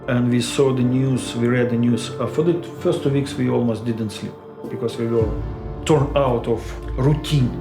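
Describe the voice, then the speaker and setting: Man in his fifties, roomy echo. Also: mid-range voice. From Ukraine. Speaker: missionary. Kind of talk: personal testimony interview. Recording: roomy echo with music underneath.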